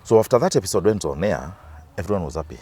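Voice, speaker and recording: A man's voice: low-pitched, animated, racing, mellow, husky. A Kenyan man, an actor as an interview guest, telling stories and often repeating and restarting words. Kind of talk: storytelling interview.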